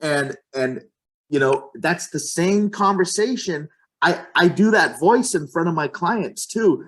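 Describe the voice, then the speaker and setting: A man speaking in a fairly high voice, talking with passion in a casual podcast chat. He is emphatic and restarts his phrases as he builds to his point. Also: lively intonation, unhurried, fairly bright tone. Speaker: real estate agent.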